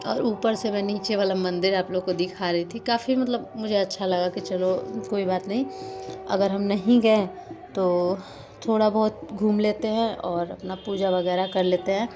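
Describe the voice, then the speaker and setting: A woman's voice: mid-range voice, fairly even intonation, moderate pace, over music. Chatty young woman vlogging. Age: young adult. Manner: chatty, rambling, with many fillers. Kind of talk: casual vlog narration.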